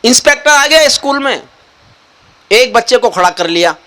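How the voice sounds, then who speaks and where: An older male poet performing on a live stage, spinning jokes and anecdotes for the crowd. His voice sits fairly high and he tells stories with lively, expressive swings. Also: normal speed. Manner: animated storyteller, expressive swings in delivery. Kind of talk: stage poetry and joke telling to a live audience.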